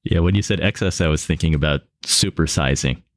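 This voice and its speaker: A man's voice: extremely low pitch, a little fast, no room sound, studio quality. A man hosting a podcast interview, introducing the guest and asking questions in an upbeat, enthusiastic way. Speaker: podcast host.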